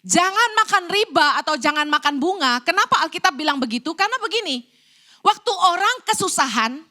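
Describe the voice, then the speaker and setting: A middle-aged woman preaching in a church, her voice high and bright. She tells her stories with animated energy, acting out what people said to her. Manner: animated storytelling, acting out quoted lines. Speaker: evangelist preacher. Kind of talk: sermon.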